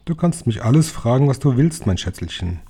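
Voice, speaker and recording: A man reading the lines of an 86-year-old grandmother, slow and gentle, in an audiobook. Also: medium pitch, very animated, breathy edge. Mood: tender. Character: 86-year-old grandmother, calm, loving and wise.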